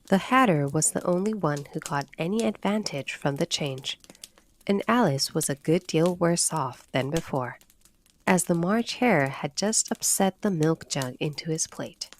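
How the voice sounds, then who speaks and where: A woman narrating a classic storybook chapter in a calm, measured bedtime style. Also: low-pitched, a little hiss or hum.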